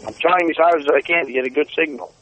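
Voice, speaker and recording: A man's voice: a little high, quick pace, fairly bright tone, a little hiss or hum. A man on a phone call whose choppy signal keeps cutting out, insistent and repeating himself. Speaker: caller on a bad phone line. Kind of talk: casual call.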